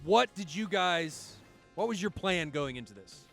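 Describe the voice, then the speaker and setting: A man calling a match live as a caster, quick and excitable, shouting at the big moments. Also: high voice, creaky. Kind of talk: live play-by-play commentary. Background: music.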